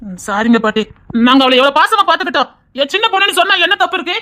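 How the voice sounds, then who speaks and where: A woman's voice: high-pitched, very animated, rapid-fire, bright, forceful tone, heavily acted. A woman playing a defensive, apologetic teenage grandson with a Tirunelveli Tamil accent. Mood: pleading. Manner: hesitant, pleading excuses.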